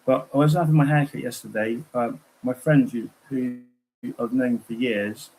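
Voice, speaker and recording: A man's voice: mid-range voice, steady tone, normal speed, a little mellow, low-quality recording. A man chatting casually on a livestream, telling rambling, digressive stories.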